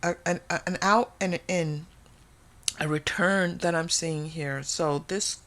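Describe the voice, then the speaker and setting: Speaking a little slowly in a lowish, slightly bright voice with a steady tone, a female tarot reader hosts a casual, intuitive reading for viewers. She thinks aloud in a conversational way and repeats phrases to emphasize them.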